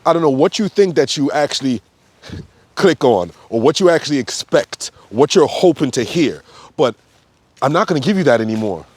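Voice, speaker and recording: A man's voice: fairly high pitch, lively intonation, normal speed, a little mellow, slightly rough, no echo. Blunt, profane man ranting to camera. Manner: blunt, profane, ranting with sudden emphatic outbursts; loose, repetitive phrasing with frequent fillers. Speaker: yoga teacher and health coach. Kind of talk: unscripted spoken monologue.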